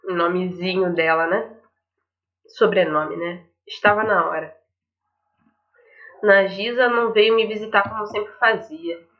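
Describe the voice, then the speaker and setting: Speaking unhurriedly at a medium pitch with long pauses, this young Brazilian-accented gaming host reads through a visual novel and tosses in offhand comments. Faint game music sits under a dull, lo-fi microphone recording.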